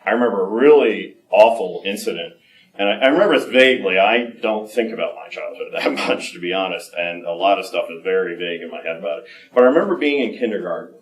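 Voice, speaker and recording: A man's voice: low voice, expressive. Rambling man speaking in an echoey room. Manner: halting, full of fillers and restarts. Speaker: conference speaker. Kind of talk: candid personal talk. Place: conference room. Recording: echoey room, mic from a distance.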